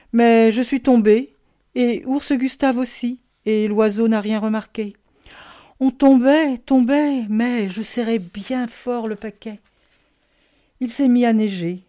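A woman with a medium-pitched voice reads a children's picture book aloud, gentle and expressive, giving the story a lively emphasis.

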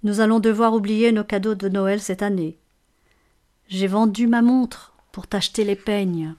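A woman's voice: mid-range voice, fairly even intonation, unhurried, a little mellow, lightly acted. A woman reading a storybook, voicing an earnest, loving young husband in close to her own voice. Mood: resigned.

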